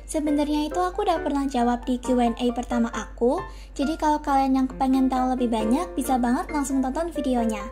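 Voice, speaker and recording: A teenage girl from Central Java, Indonesia, chatting to her viewers in a friendly Q&A while she journals. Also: sits high. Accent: Central Javanese Indonesian. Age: teens. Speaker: journaling YouTuber. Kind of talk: casual Q&A voice-over while journaling. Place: bright room with shelves of stationery. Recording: voice over background music.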